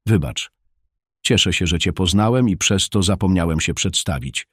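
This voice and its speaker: A man's voice: moderate pace, husky, no echo, clean studio sound. A man voicing a friendly, talkative male fruit seller at a market who sometimes drops to a whisper. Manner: warm, chatty, sometimes lowers to a whisper.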